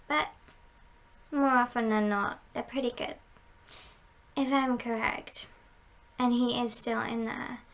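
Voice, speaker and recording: A woman playing a confident, scheming female heist boss in an ASMR role-play, speaking in a measured, playful and conspiratorial way with a creaky voice. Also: on the high side.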